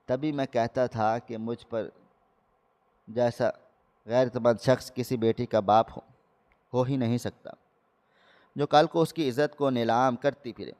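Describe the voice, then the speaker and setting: A man's voice: mid-range voice, fairly even intonation, pauses often, big-room sound, natural voice. A man voicing a furious cruel father. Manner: shouting harsh insults.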